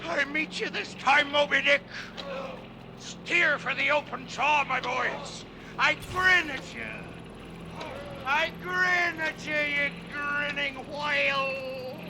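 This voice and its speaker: An actor playing a vengeful, doomed old sea captain in declamatory 1940s radio style. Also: male voice, very high voice, steady tone, slow, creaky, exaggerated voice. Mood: defiant frenzy. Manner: declamatory, theatrical. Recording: noisy old radio, roomy echo, engine noise.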